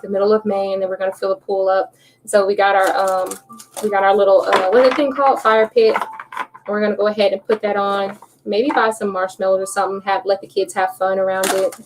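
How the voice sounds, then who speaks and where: A woman's voice: mid-range voice, slight background noise. A woman hosting a live tarot reading, chatting casually with viewers and laughing often. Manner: chatty, laughs often, talks to viewers while shuffling cards. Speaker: tarot reader livestream host. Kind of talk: casual livestream chat.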